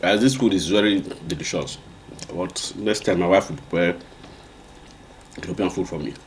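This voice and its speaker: A man's voice: low voice, normal speed, a little hiss or hum. A man with a Nigerian accent chatting casually over soup, teasing and repeating phrases in Pidgin-flavoured English. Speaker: husband in a couple's mukbang video. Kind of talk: casual chat while eating soup.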